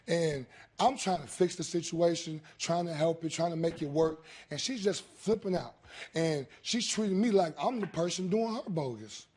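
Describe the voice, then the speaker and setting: A man with a fairly high, husky voice testifies as a wronged husband in a TV courtroom. He complains in a pleading way, circling back over the same points. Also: a little mellow. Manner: complaining, pleading, repeating himself. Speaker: husband as litigant on a court show. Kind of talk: aggrieved personal testimony. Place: TV courtroom studio.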